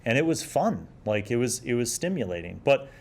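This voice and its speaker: Speaking fairly quickly with big swings in pitch around a medium register, a forties-aged man hosts a vintage gaming review show alone. His talk is casual review and reminiscence, thoughtful and explanatory in tone.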